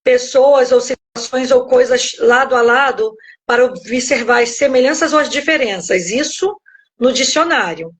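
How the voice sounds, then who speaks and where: Brief: middle-aged Brazilian woman pastor, slightly high voice, reflective live-stream teaching over a phone. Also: moderate pace, a little hiss or hum. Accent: Brazilian Portuguese. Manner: reflective, explains step by step, keeps checking in with "né?". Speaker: pastor and guest speaker.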